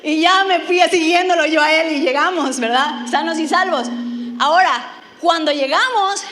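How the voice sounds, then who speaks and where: Woman, high voice, lively sermon storytelling, faint hum behind. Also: normal speed. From Mexico. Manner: animated storytelling, acts out her own lines. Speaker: preacher. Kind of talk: sermon with a humorous personal story.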